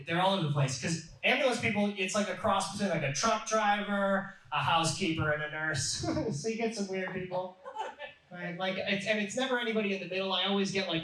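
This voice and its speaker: A man's voice: fairly high pitch, distant mic, slight background noise. Man doing stand-up in an echoey club. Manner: deadpan, self-mocking jokes. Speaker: stand-up comedian. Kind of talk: stand-up comedy set. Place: comedy club stage, audience laughing. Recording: echoey club, mic heard from afar.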